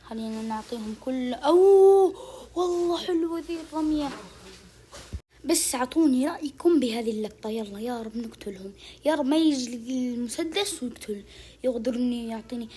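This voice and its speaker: A channel host giving casual gameplay commentary, urging the game on with quick repeated words. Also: medium pitch, darkish tone, a little hiss or hum.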